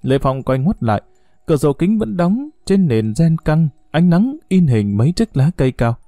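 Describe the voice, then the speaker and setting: A man narrating a novel in an expressive, dramatic audiobook reading. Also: a little high, moderate pace, no room sound, clean studio sound, soft background music.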